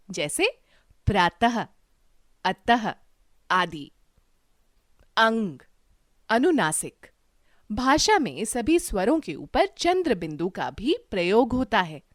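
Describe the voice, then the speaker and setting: Female teacher voice-over, very slow, lively pitch, close dry mic, reads letters one by one. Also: dry recording. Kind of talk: scripted lesson narration.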